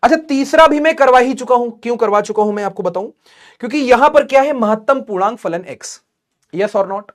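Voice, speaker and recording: A man's voice: extremely high pitch, expressive, a little fast. A man teaching math in a live online class, joking and teasing students between explanations.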